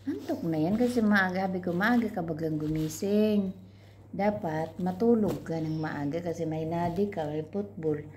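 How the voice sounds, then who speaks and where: Lower-pitched woman telling a story, casual chat. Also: moderate pace, slight background noise. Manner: animated storytelling, quoting herself scolding a child. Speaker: vlogger.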